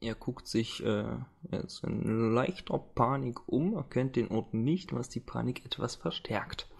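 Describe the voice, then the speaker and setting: A man's voice: medium pitch, measured pace, vocal fry, husky. Brief: male game master, laid-back, jokey, slangy. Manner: casual, joking, coarse slang. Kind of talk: narrating a tabletop game.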